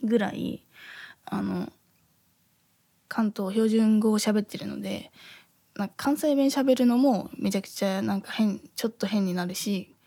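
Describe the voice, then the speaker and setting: A woman in her twenties from Osaka, hosting a casual podcast and reading listener messages, talking softly with many fillers and frequent laughs. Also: mid-range voice, unhurried, creaky, no room sound, clean studio sound. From Osaka, Japan. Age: 20s. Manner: soft-spoken, filler-heavy, laughs often.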